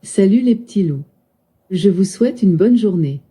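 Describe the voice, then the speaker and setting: Brief: a synthetic female smart-speaker voice, polite and measured, mellow and breathy. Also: mid-range voice, lively intonation. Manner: polite, evenly paced, announcer-like. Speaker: voice assistant. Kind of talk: synthetic assistant replies.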